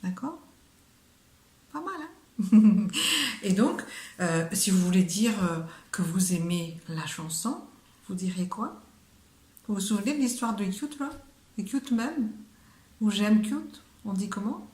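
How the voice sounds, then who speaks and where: Woman teacher, unhurried delivery, chatty, quizzes the viewer, roomy echo. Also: medium pitch, expressive, darkish tone. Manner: chatty, asks the viewer questions, drops into whispers. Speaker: Malagasy language teacher. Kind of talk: casual online language lesson.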